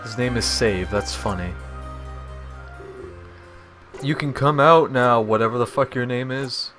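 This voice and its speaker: A man doing crude let's-play commentary, mocking the game and reading its text aloud in a flat mutter. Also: mid-range voice, measured pace. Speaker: gaming YouTuber. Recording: game music playing behind the voice. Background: game music.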